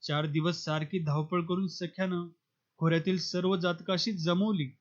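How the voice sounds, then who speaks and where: A man narrating a novel in a steady, measured storytelling manner. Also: high voice, dull audio. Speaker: audiobook narrator. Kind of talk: novel reading.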